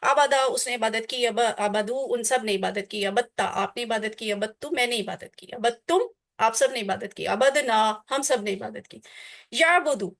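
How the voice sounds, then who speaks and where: A woman teaching a class on Quranic Arabic, drilling word forms slowly and deliberately, then explaining them. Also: on the high side, creaky.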